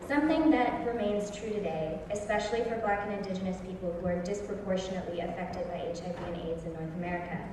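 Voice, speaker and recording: A woman delivers an earnest, prepared festival speech, leaning hard on key words. Her mid-pitched voice is recorded from far away and rings through a big hall with a long tail of reverb. The recording carries clear noise. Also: fast talker, few pauses. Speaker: festival host. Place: large theatre stage.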